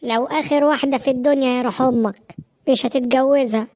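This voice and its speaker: Lady doing a dramatic egyptian cartoon mom, high voice, nagging and guilt-tripping. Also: fairly even intonation, fast talker, darkish tone, natural voice. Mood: scolding. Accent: Egyptian Arabic. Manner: melodramatic, nagging. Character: overbearing middle-aged mother, dramatic and tearful.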